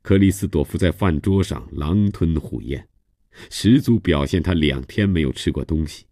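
A man narrates a novel for radio in a steady, measured storyteller's voice. His tone sits very low and dark. The studio sound is close and dry, with no room around it. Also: dry recording.

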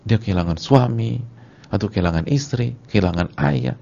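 A man giving a sermon to his congregation in casual slang, repeating words for emphasis and swinging between loud and soft. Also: lowish voice, lively intonation, moderate pace, creaky. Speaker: Islamic preacher. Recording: dull lo-fi lecture recording.

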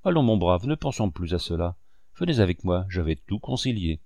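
A man's voice: low voice, very animated, fairly quick, gravelly, warm tone, dry recording, clean studio sound, heavily acted. A man voicing a kindly male army chief of staff who speaks in a reassuring way, in an audiobook reading.

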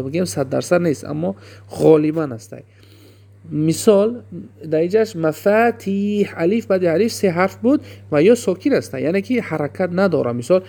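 Male teacher with a gravelly, fairly high voice, who drills example words slowly and answers his own questions. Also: darkish tone. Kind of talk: grammar lesson.

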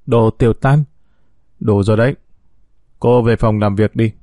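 A man's voice: lowish voice, fairly even intonation, a little slow, mellow, no echo, studio quality, natural voice. A man reading a storybook as a sarcastic young company boss, speaking in a stern, cutting way. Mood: cold.

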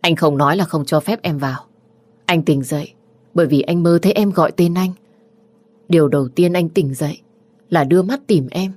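Brief: woman reading a soft-spoken tender young man, low and gentle. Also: normal speed, long pauses, no echo, lightly acted.

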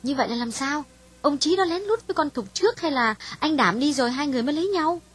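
A woman voicing a frank, worldly young woman in an audiobook, speaking bluntly to a friend in a husky voice. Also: sits high, animated, fast talker, faint music behind. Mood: amused. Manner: frank, dismissive storytelling. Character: calm, worldly young Vietnamese woman, older sister.

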